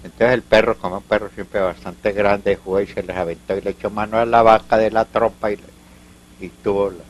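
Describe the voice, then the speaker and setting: Older Colombian man with a Paisa accent and a lowish voice, rambling and halting as he tells local lore. Faint hum behind him. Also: fairly even intonation, rough recording. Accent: Colombian Paisa Spanish. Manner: rambling, halting, full of restarts and asides. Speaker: elderly interviewee recounting local history. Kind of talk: storytelling in an oral history interview.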